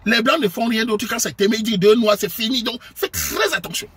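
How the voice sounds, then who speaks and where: A man from Cameroon with a Cameroonian French accent, delivering a preachy, scolding monologue to his viewers and sometimes bursting into shouts. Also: very high-pitched, lively intonation, brisk, husky, no room sound. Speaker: online commentator.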